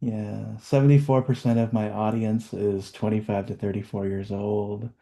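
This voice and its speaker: A man with a somewhat low voice hosts an online webinar. He talks in a chatty, upbeat way, full of fillers and restarts. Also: level tone, normal speed, creaky, mellow. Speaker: webinar host. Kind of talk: casual webinar chat.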